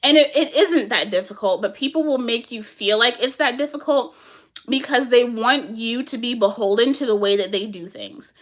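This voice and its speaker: A fairly high-voiced woman holds a relaxed, chatty catch-up with her viewers. She answers their comments in an animated way, breaks into laughter often and speaks straight to her audience. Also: normal speed. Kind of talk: casual chat with viewers.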